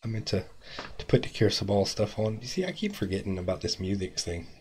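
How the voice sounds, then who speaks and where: Male game master narrating tabletop play, lowish register, conversational, pauses to think. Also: sing-song, background noise. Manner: halting, thinking aloud.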